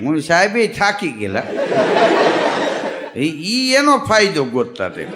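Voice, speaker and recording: A man telling comic stories onstage, his fairly high voice leaping up and down as he acts out each character. The sound rings with long reverb, like a big hall. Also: slow pace, a loud crowd, heavy background noise. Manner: lively joke-telling, acting out characters' lines. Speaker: stand-up comedian. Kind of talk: comic storytelling to a live audience.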